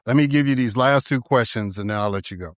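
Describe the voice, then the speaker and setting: A man from Chicago hosting an interview, speaking in a relaxed, conversational way and often restarting his phrases. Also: mid-range voice, fast, dry recording. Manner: relaxed, conversational, stumbles over starts. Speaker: podcast host.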